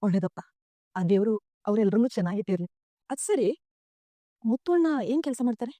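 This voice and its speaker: An actress playing a sorrowful, tender middle-aged mother in a TV serial, speaking softly and pleadingly. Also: mid-range voice, lively intonation, a little fast, no echo, close to an everyday voice. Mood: gentle. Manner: soft, pleading, tearful at times. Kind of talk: TV serial acting.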